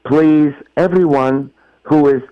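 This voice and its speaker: A man's voice: a little high, fairly even intonation, takes it slowly, clean tone, no echo. A middle-aged man with a Bulgarian accent, an actor speaking effusively in a phone interview. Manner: effusive, emphatic, non-native phrasing. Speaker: actor guest. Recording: muffled phone line.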